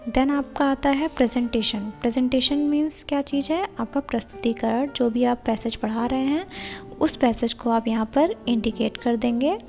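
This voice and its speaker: Woman, fairly high voice, gravelly fry, patient step-by-step teaching, faint music behind. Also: a little mellow. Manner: reads English sample lines slowly and deliberately. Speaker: teacher-training tutor. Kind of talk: step-by-step lesson explanation.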